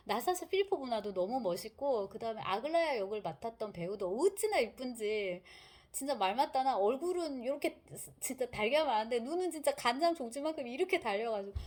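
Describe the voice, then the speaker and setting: A woman lecturing on literature in a casual, chatty way. She tells the story with energy and acts out the characters' lines. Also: on the high side. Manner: lively storytelling, acting out quotes.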